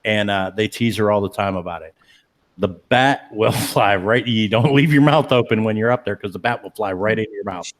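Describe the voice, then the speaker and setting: Guy, lowish voice, drawling through a creepy prison ghost story. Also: normal speed. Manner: laid-back, drawling, many fillers. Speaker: paranormal investigator. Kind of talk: casual storytelling.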